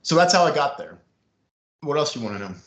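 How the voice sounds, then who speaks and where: A man's voice: a little high, fast. A middle-aged man telling a long story in an interview, acting out what people said. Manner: animated storyteller acting out quotes. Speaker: former school staff member, guest. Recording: roomy echo.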